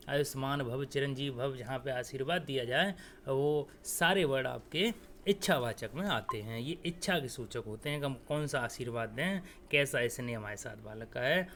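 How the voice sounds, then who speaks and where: A man's voice: medium pitch, fairly bright tone, a little hiss or hum. A man teaching Hindi grammar for exam prep, explaining step by step and speaking straight to his students. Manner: explains step by step, often adds "theek hai"; talks straight to students, coaxing.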